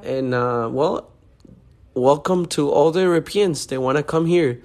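A man's voice: on the high side, measured pace, darkish tone. A man from Honduras hosting a casual podcast chat, friendly and rambling with many fillers. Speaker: podcast host. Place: Miami.

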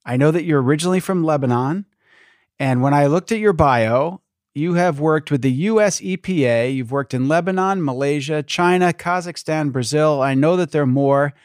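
A man's voice: fairly high pitch, moderate pace, no room sound, clean studio sound. A man hosting a podcast, reading a scripted introduction and then asking friendly, conversational questions. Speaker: podcast host. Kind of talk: podcast interview.

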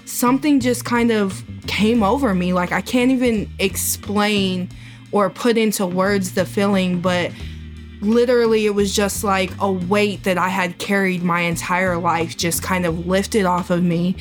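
A woman with a Midwestern American accent reflects on her own life in an earnest, heartfelt voice. Her pitch is ordinary. Soft music plays beneath the interview. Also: fairly even intonation, measured pace. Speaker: labor organizer, former fast-food worker. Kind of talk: interview storytelling.

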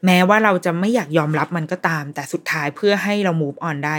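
Woman host, casual solo review, lower-pitched voice, chatty and animated with restarts. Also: quick pace. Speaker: podcast host reviewing a series.

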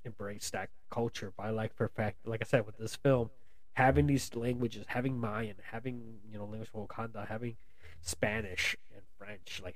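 A man's voice: medium pitch, no room sound. An American man giving a casual, rambling film review, with lots of restarts and fillers. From United States. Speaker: movie reviewer.

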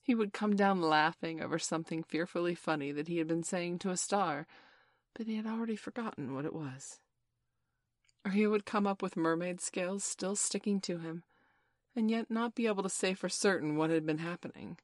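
Woman, storybook narrator, lowish voice, measured expressive reading, dry close recording. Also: no room sound. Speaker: audiobook narrator.

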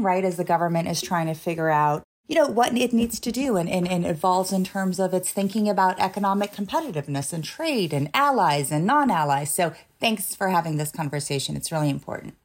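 A middle-aged woman from Iran, a former government official, speaking earnestly as a podcast guest. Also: lowish voice. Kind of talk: interview conversation.

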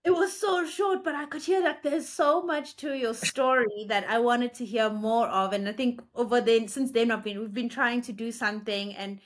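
A woman's voice: fairly high pitch, steady tone, moderate pace, hardly any pauses. A woman hosting an interview show, asking her guest friendly, light questions. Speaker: host. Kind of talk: casual interview conversation.

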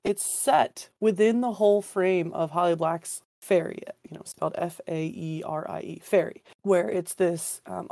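A woman hoarse from a cold hosts a casual book podcast. Her voice sits a little low and she rambles eagerly. The recording is close and dry. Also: a little mellow, no echo. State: hoarse, getting over a cold. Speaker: podcast co-host.

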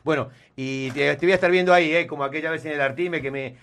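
A man with an Argentine accent hosts a radio show in a rambling, easygoing way. His voice sits a little high, and he talks loosely, with plenty of fillers and restarts. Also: fast talker, a bit bright. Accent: Rioplatense Argentine. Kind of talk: casual radio chat.

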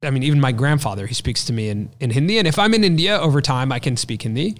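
A man's voice: medium pitch, expressive, fast talker. Male podcast host, American accent, mid-range voice, conversational interview style, long room reverb. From United States.

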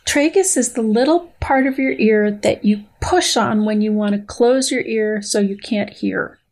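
A middle-aged woman appears as a guest scientist on a show, speaking precisely and deliberately with a playful edge. She shifts between formal reading aloud and plain conversational explanation, her voice mid-range with a darkish tone.

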